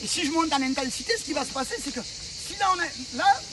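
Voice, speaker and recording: A man's voice: very high-pitched, expressive, fast talker, far from the mic, background noise. A man coaching trainees, explaining energy systems and checking that they follow. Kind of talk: explaining sports physiology to trainees.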